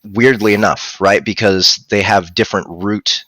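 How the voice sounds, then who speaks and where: A man in his thirties, an audiobook narrator and producer, co-hosts a live stream from a room at home, casually chatting and reading out viewer questions into a headset mic. His lowish voice is bright and forceful with fairly even intonation at a moderate pace, and there's no room sound.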